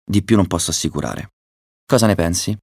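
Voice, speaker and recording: A man reading a children's story, voicing a calm, wise female owl doctor who explains gently. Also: sits low, fairly quick, creaky, breathy edge, no room sound, clean studio sound, full character voice. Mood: calm, explaining.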